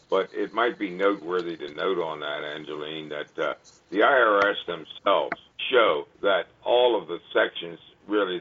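A man's voice: low-pitched, a little hiss or hum. A man explaining his work methodically as a radio interview guest, in a legalistic way, stressing certain words. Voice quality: gravelly, husky. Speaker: guest author. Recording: tinny narrow phone-like line.

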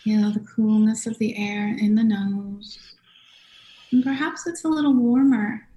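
A woman leading a guided meditation as a teacher, in a gentle, unhurried way with long pauses. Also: mid-range voice, fairly even intonation, lo-fi sound. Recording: roomy, echoing sound.

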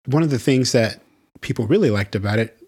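A man's voice: medium pitch, animated, fairly quick, darkish tone, breathy edge. A man hosting a podcast in a playful, jokey way and often laughing. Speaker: podcast host. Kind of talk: casual podcast chat.

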